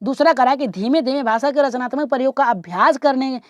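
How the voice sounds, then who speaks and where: A woman's voice: sits high, fairly quick, no echo. A woman giving an exam-prep lesson, explaining each question step by step, repeating the answers and asking viewers to reply. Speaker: teacher.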